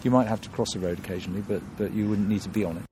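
A man's voice: fairly low pitch, rapid-fire, warm tone, slight background noise. A man from London, a guest in an interview, talking thoughtfully with many restarts and fillers.

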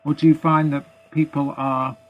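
A man's voice: fairly high pitch, level tone, normal speed, dull audio. A British man interviewing a guest, asking long questions with many ums and repeated words.

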